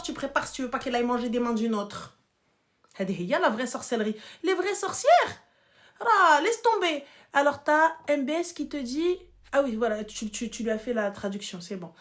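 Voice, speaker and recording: A woman hosting a casual live chat, playful and teasing, swinging between loud outbursts and hushed whispers. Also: a little high. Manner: playful, teasing, mixes French with Arabic. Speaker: live stream host.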